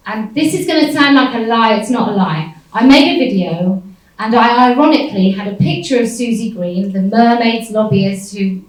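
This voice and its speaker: A woman speaking on a panel, telling a story in a wry, defiant way and laughing often. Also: on the high side. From United Kingdom. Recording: echoey hall from far off.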